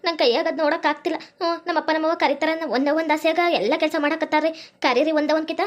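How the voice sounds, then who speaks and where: A worried middle-aged mother pleading for her daughter in a North Karnataka accent, played by a woman. Her voice is high and she speaks very quickly. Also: steady tone, close to an everyday voice. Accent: North Karnataka Kannada. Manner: pleading, imploring.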